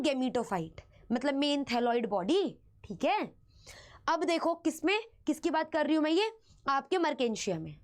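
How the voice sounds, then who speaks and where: A high-pitched young woman with an Indian accent runs an online biology class. Her throat is a little sore, yet she keeps calling her students "beta" and asking "theek hai?" between English science terms. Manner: mixes English terms into Hindi explanation. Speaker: biology teacher. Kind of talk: online exam-prep lecture.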